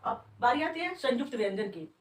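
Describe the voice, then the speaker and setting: A woman's voice: a little high, big pitch swings, normal speed. A woman teaching a grammar lesson, saying each sound aloud and asking and answering her own questions. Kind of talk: classroom-style grammar lesson. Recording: echoey room, voice from a distance.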